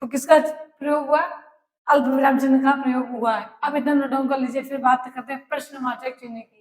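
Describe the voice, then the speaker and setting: A woman teacher giving a grammar lesson. She repeats phrases slowly for students to write down, and she asks questions and then answers them herself. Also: high voice, fairly even intonation. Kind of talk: classroom grammar lesson, dictating notes. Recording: echoey room with long reverb.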